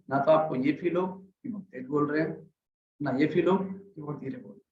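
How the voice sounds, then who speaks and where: A man's voice: a little high, echoey room, lo-fi sound. A man giving a casual lesson on communication skills, asking his listeners "right?" often and acting out his examples. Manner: chatty, asks the audience "right?" often; acts out examples by speeding up, slowing down and getting louder.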